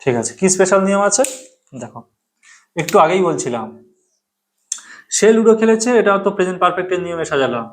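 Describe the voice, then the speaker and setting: Man teaching grammar, slow dictating style. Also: sits high, very animated. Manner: slow, repetitive, dictating example sentences word by word. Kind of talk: explaining grammar lesson.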